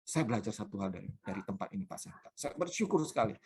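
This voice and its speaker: A man's voice: lowish voice, expressive, quick pace, slightly rough. A male pastor preaching a sermon, telling personal stories with emphasis.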